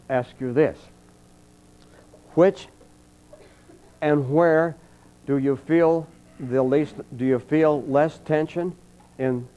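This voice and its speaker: An aging trumpet teacher leads a college clinic for an audience in a mid-range voice, mixing homespun storytelling with calm coaching through a breathing exercise. The archival audio is lo-fi and dull.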